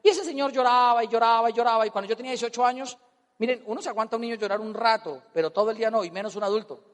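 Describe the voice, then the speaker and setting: A Colombian man telling a personal story as a motivational speaker, animated and comic, acting out voices. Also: extremely high pitch, very fast, in a large hall. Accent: Colombian Spanish. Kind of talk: storytelling talk on stage.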